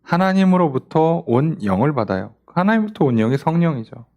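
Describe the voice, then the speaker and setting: A man's voice: a little high, sing-song, brisk, darkish tone. A man, a pastor, leading a casual Bible study and often asking his listeners rhetorical questions. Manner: casual, talkative, plays out quoted lines.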